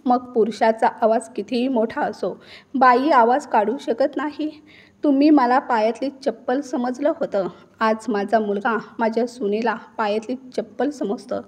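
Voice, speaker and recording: A long-suffering mother-in-law finally standing her ground, as a woman reader puts her on, in a fairly high voice. She speaks slowly, weighing each word for dramatic emphasis, in a storybook reading. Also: fairly even intonation, darkish tone. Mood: defiant. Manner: slow, emphatic dramatic delivery. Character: wronged middle-aged mother-in-law turning defiant.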